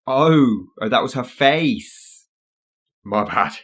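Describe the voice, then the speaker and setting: A man's voice: medium pitch, slow pace, a bit bright. A man reviewing a film with sarcastic, exasperated and profane commentary.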